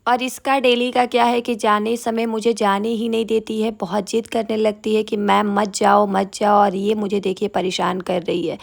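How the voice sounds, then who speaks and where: A woman's voice: medium pitch, flat delivery, moderate pace, vocal fry, hardly any pauses. A woman teacher giving a chatty, fond voice-over narration for her vlog about the children she teaches.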